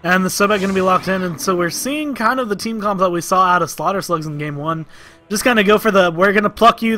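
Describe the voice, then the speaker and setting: A man co-casting a video game match, giving steady analysis of team picks and bans. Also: fairly high pitch. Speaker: esports co-caster. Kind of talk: esports casting commentary.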